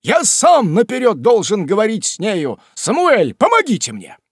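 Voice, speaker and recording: A man doing an excitable, courtly old gentleman. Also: medium pitch, moderate pace, husky, no room sound, clean studio sound. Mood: excited.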